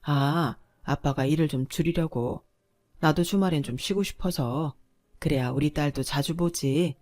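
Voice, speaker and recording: Woman reading an older working-class father, soft-spoken, reassuring, guilt-ridden, radio drama, dry close sound. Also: low-pitched, unhurried, no echo. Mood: easygoing.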